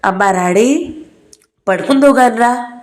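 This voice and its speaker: A woman voicing a weary, gentle middle-aged mother in an audio novel, speaking softly. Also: fairly high pitch, a little slow, voice pushed up, close to an everyday voice. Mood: subdued. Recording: roomy echo.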